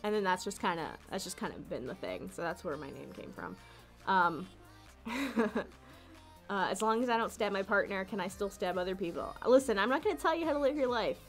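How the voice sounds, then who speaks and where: A woman's voice: mid-range voice, animated, brisk, soft background music. Giggly young woman streamer rambling. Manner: rambling, giggly, self-interrupting. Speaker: livestreamer. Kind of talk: casual livestream Q&A chat.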